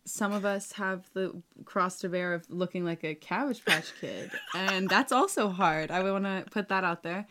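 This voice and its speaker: A woman's voice: medium pitch, moderate pace, few pauses, sharp tone, a little hiss or hum. A woman co-hosting a podcast in casual banter, teasing with playful mock earnestness. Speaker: podcast co-host.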